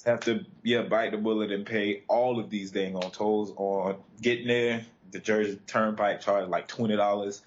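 A man's voice: fairly low pitch, steady tone, normal speed, hardly any pauses, dull audio, slight background noise. An American man hosting a talk show in a casual, conversational way. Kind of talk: casual chat.

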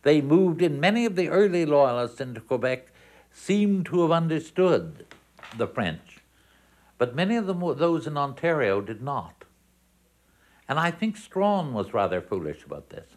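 Musing man in an interview. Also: medium pitch. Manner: musing, with "you know" and restarts. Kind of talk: interview commentary.

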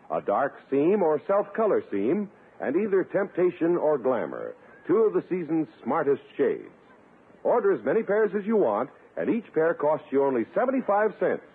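An American man reads scripted copy in a polished, emphatic 1950s radio style, like a salesman delivering an advertisement or narration. His voice is a little high and slightly rough, heard through a narrow, tinny 1950s radio recording.

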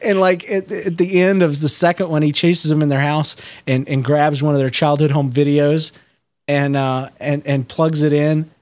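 A man's voice: level tone, moderate pace, a little mellow, dry recording. A man co-hosting a casual podcast over a Skype call, joking around and breaking into silly voices. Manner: joking, breaks into high-pitched impressions and giggles. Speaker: podcast co-host. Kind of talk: casual chat.

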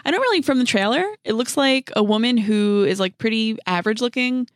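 A woman's voice: on the high side, fairly quick, no room sound, clean studio sound. A woman co-hosting a casual movie podcast, chatty and hedging with fillers. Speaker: podcast co-host.

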